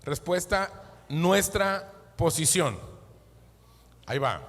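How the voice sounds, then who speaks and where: A man's voice: a little high, lively intonation, slow, a bit bright, big-room sound. A man preaching a sermon, emphatic, asking questions and then answering them himself. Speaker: pastor.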